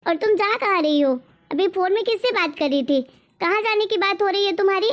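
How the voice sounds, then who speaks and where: A woman's voice: very high voice, a little fast. A woman voicing a strict, nagging middle-aged mother in a cartoon story, lecturing and scolding.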